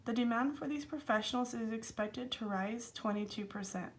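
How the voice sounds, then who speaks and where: A woman's voice: on the high side, normal speed, a little hiss or hum. A young adult woman giving a scripted student presentation with informal, somewhat hesitant asides.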